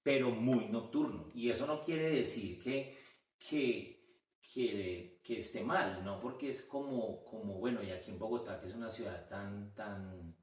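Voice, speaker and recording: Colombian man, podcast guest, lowish voice, rambling with fillers, slightly off-mic in an echoey room. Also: unhurried, darkish tone, distant mic. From Colombia, Quindío region. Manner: chatty, with many fillers and restarts. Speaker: guest, orthodontist. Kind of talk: casual interview chat.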